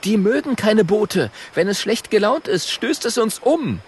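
A man's voice: sits high, big pitch swings, a little slow, a little hiss or hum, voice pushed up. A man voicing an urgent, alarmed youngster in a children's audiobook.

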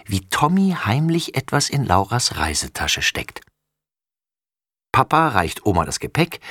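A man reads a children's storybook aloud with a deep, low voice that swings up and down with plenty of life. The sound is close and dry, with no room around it. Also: breathy edge, no room sound. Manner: expressive, lively. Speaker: narrator.

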